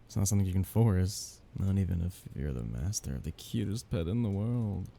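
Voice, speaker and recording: In an intimate ASMR romance roleplay, a man voices a possessive, doting young mafia heir, speaking softly and haltingly with breathy chuckles. His voice is deep and expressive, the mood affectionate and shy. A little hiss or hum sits in the recording.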